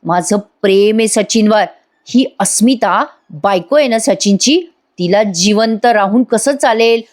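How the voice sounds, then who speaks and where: A woman voicing a cold, threatening young woman who speaks slowly and hard. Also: mid-range voice, a little mellow, natural voice. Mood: menacing. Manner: slow, hard, menacing.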